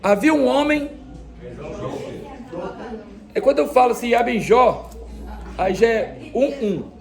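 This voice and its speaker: A man's voice: very high-pitched, lively intonation, slow pace, creaky. A male pastor, preaching a sermon in a joking, chatty way and teasing the congregation. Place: church service.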